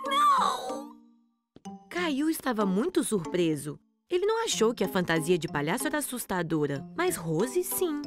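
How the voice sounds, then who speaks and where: A woman's voice: medium pitch, huge pitch swings, normal speed, hardly any pauses, music in the background. A woman narrator reading a scripted children's story for a cartoon.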